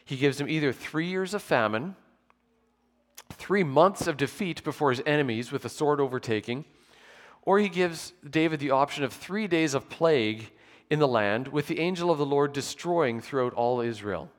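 Man in his 40s, pastor at a pulpit mic, slightly high voice, measured sermon delivery with dry humour, long church reverb. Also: lively intonation. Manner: measured, explanatory preaching with occasional dry humour. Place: church sanctuary with pews.

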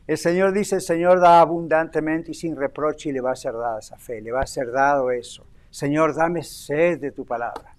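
High-pitched older preacher man. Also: a little fast, few pauses. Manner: animated preaching with rhetorical questions and English phrases. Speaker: pastor. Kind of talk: sermon.

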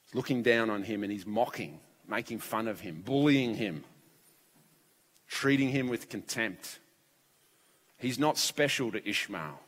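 A man's voice: on the low side, animated, a little slow, long pauses, fairly bright tone. A man preaching a sermon as pastor in a church, his voice strained and fragile, telling the story vividly and acting out voices. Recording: long church hall reverb.

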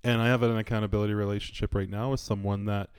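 Lower-voiced guy, earnest, telling little stories about church and kids, dry sound. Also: flat delivery, rapid-fire, clean tone, no echo. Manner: earnest, anecdotal and searching. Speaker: podcast co-host. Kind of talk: casual faith discussion.

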